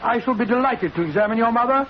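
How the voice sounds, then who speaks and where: An actor playing a bluff, fussy, good-natured Victorian doctor with an English accent, spluttering in 1940s radio drama style. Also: male voice, extremely high pitch, fast talker. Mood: obliging, professional. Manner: blustery, spluttering. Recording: muffled, noisy 1940s radio recording.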